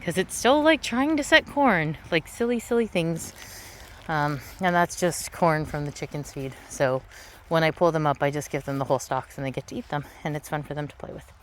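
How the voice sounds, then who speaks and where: Low-voiced woman outdoors, tractor rumbling behind. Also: lively intonation, moderate pace. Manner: self-deprecating, easygoing, offhand. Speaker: gardener giving a farm tour. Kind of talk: casual rambling garden vlog narration. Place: outdoors in a farm garden. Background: tractor rumbling, vehicle noise.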